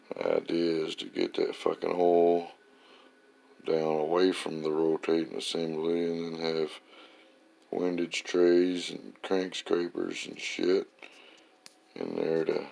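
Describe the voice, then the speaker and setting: In a workshop with a concrete floor, a very deep, gravelly-voiced man talks slowly through a casual hands-on garage walkthrough. The amateur engine builder and vlogger speaks flatly and a little mellow, plain-spoken and folksy with plenty of profanity.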